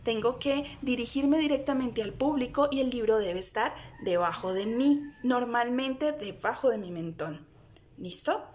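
A woman's voice: fairly high pitch, unhurried, darkish tone, slight background noise. A young woman, a literature teacher, giving earnest reading-aloud tips straight to her viewers. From Colombia. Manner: earnest, encouraging, addresses viewers directly. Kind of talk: direct-to-camera instructional talk.

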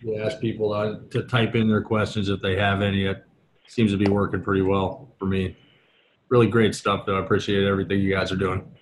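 A man's voice: on the low side, flat delivery, brisk. A man giving casual feedback as an attendee of a webinar. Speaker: audience member giving feedback. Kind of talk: casual question-and-answer chat. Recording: faintly noisy remote call.

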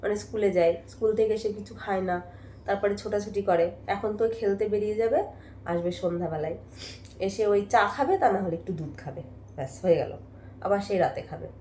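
A young woman with a Bengali accent chatting casually in a home vlog, worn out and coughing, her voice going hoarse. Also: mid-range voice, quick pace, warm tone, reverberant, slight background noise. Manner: chatty, rambling, tired. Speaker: vlogger. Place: at home, indoors.

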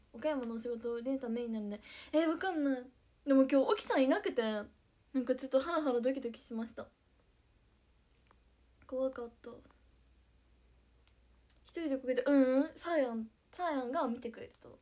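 A young woman chatting on a livestream, excitable and giggly, thanking viewers by name as she reads their comments. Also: high voice. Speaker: idol livestreamer. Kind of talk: casual livestream chat reading viewer comments.

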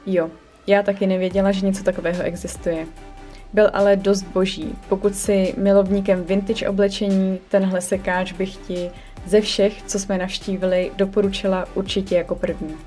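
An upbeat young woman narrates a vlog in a chatty, enthusiastic way. Her voice is warm and mellow, with faint music playing underneath. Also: mid-range voice, flat delivery. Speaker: vlogger and online secondhand shop owner. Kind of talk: scripted vlog voice-over. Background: faint background music.

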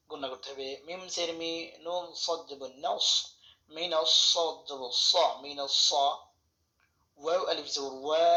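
A man teaches Quran recitation in a bright, fairly high voice. He spells out each letter and vowel mark, then draws the verse out slowly, contrasting right and wrong sounds. The recording is dull and lo-fi. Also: roomy sound. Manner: corrects wrong pronunciations by contrast. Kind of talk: tajweed lesson, spelling and reciting.

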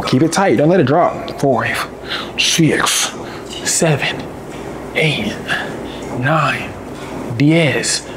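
Young man, hyped slangy coaching, gym workout vlog, noisy gym background. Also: a little high. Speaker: photography vlogger and host.

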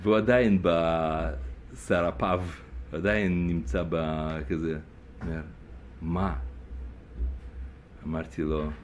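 A man's voice: low voice, slight background noise. A man, a rabbi, telling a story during a lesson and acting out the dialogue. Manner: animated storyteller, acts out dialogue. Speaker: rabbi, teacher.

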